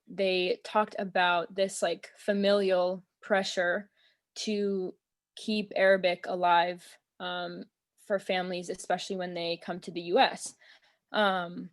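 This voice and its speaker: This is an American woman in her young adult years, talking casually as a guest in an interview held over video. She speaks from a small indoor room at home in a mid-range voice, earnest and thoughtful, with frequent "um"s and "like"s.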